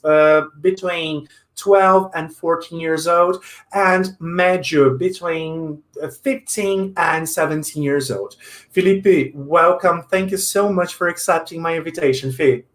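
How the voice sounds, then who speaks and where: A man with a Brazilian Portuguese accent hosting a live online interview, friendly and chatty with many "uh" fillers. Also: high voice. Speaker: host, English teacher.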